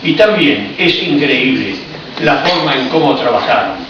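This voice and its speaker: In a Paris cultural hall, a speaker from Argentina lectures on history with an Argentine Spanish accent, mixing reflective explanation with ironic asides. His mid-range voice is expressive and measured in pace. The distant recording comes across echoey, muffled, and noisy.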